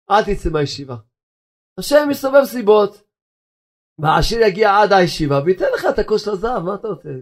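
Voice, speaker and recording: Older male rabbi, storytelling sermon, animated and chuckling, voice on the higher side. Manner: animated storyteller who chuckles and acts out the voices in his tales.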